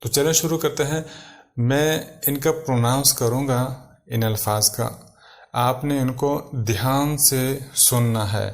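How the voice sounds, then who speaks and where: Patient male teacher repeating vocabulary words. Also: mid-range voice. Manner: slow, repeats each English word then gives its meaning. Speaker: English teacher. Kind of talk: vocabulary lesson.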